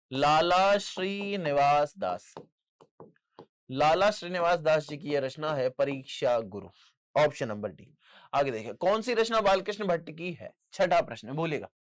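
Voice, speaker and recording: A male teacher giving a lively online exam-prep lesson, talking straight to his students and calling them "beta". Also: a little high, clean tone. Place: studio recording for online class.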